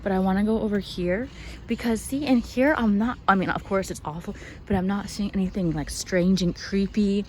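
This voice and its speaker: A woman filming herself on foot outdoors in a casual vlog, talking into a handheld camera. She is excitable and swears freely, often dropping to a whisper mid-sentence. A faint outdoor hiss sits under her voice. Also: medium pitch, normal speed. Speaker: vlogger. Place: outdoor cemetery, walking.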